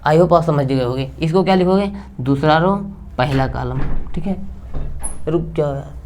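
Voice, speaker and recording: A man's voice: a little high, moderate pace, darkish tone, slight background noise. Chatty young male math teacher. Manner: chatty, repetitive, keeps checking in with "theek hai", cracks jokes. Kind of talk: casual blackboard math lecture.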